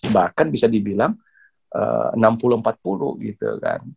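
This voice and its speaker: A middle-aged man from Indonesia, a badminton coach, telling stories in a relaxed interview, laughing often and repeating words as he searches for them. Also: lowish voice, normal speed, gravelly, slightly rough. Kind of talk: casual interview storytelling.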